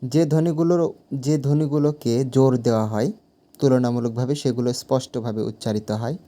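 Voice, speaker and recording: A man teaching a grammar lesson as an exam answer, deliberate and repeating phrases to correct himself. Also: mid-range voice, mellow.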